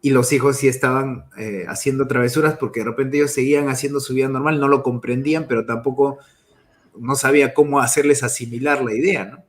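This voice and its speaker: A man's voice: mid-range voice, steady tone, brisk. A man giving a motivational talk on emotions in business, telling stories and tagging his phrases with a questioning "¿no?". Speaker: network marketing speaker.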